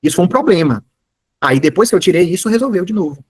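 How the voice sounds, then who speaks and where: A man's voice: sits high, expressive, fast talker, darkish tone, husky, no room sound. A man giving a live online class, explaining step by step and often correcting himself mid-sentence. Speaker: course instructor.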